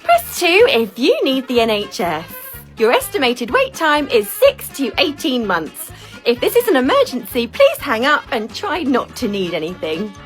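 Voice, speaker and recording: A bright, lilting recorded phone message voice, a woman putting on a deadpan, sarcastic automated menu. Her pitch sits a little high and swings widely from line to line, with faint music underneath. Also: moderate pace.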